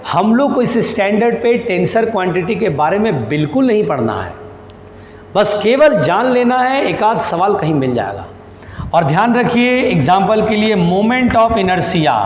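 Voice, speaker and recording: Patient, high-voiced male physics teacher. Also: roomy sound, long reverb tail, a little hiss or hum. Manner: patient, repeats key terms slowly; calls students "beta", reassuring. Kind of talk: classroom lecture.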